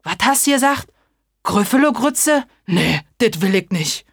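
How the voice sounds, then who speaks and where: A hulking, slow-witted storybook monster with a gruff Berlin dialect, blustering and loud, put on by a woman reader. The delivery is slow and plain. The sound is dry and close. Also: medium pitch, lively intonation, no room sound. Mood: alarmed.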